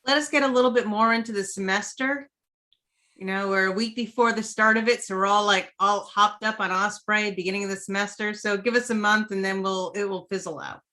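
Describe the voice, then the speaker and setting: A woman on a city council speaks up with a bright, clear voice. She talks conversationally and sometimes adds a quick joking aside. This is a plain council meeting discussion. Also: medium pitch, steady tone. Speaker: council member.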